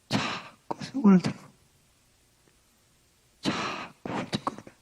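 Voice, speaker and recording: An older man preaching a sermon, telling a story dramatically and acting out the couple's lines, swinging between loud and hushed. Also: a little high. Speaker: pastor.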